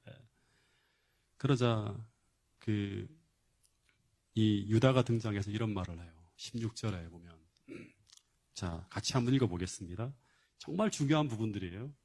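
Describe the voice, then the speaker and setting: A man's voice: on the low side, normal speed, long pauses, a little mellow. A male pastor giving a sermon, retelling a Bible story emphatically with rhetorical questions and frequent interjections of "yes".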